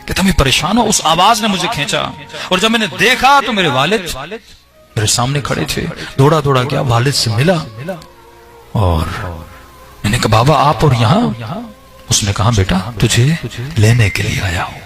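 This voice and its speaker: A man's voice: medium pitch, animated. Man telling a religious story over music. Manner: retells a story, voicing the people in it with rising emotion.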